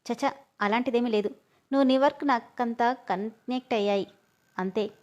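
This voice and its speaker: A woman's voice: on the high side, moderate pace, darkish tone, highs cut off, natural voice. Woman voicing a cheerful smitten young boss.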